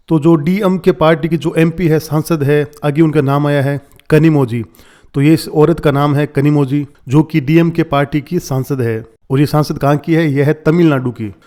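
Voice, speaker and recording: A man with a mellow, slightly high voice teaches English from a newspaper. He explains in Hindi and reads each English phrase slowly and deliberately. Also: fairly even intonation.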